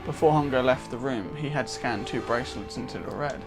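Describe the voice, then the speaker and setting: A man's voice: mid-range voice, brisk. A man reading a game's narration aloud in a let's play, dramatic storybook reading with casual asides, game music behind.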